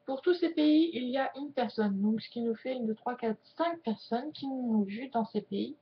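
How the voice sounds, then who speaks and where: A woman chatting casually to camera as a sign language YouTuber, joking and slowing her words as she signs. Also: on the high side, a little hiss or hum. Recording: dull lo-fi sound.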